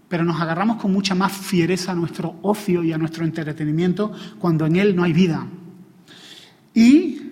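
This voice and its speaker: A man's voice: high voice, a little mellow. A man preaching a sermon in a Spain Spanish accent, building from plain teaching to fervent, emphatic exclamations. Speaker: pastor. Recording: long hall reverb.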